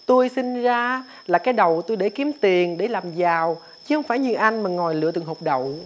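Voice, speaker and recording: A woman's voice: on the low side, expressive, a little fast, close to an everyday voice. A woman with a Southern Vietnamese accent playing a cocky, boastful young sibling, retorting with mock exasperation. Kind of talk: rural family TV drama.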